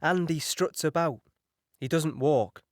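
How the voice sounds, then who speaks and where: An actor playing a young British signaller recounting a beach landing in an audio drama, halting and shaken. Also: male voice, fairly high pitch, dry recording, studio quality. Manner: halting, shaken, recalling horror in present tense.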